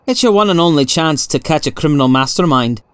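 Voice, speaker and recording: A man voicing a criminal mastermind professor in a storybook, polite and measured, with cool menace. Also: a little high, expressive, clear, resonant tone, no room sound, lightly acted. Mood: placid.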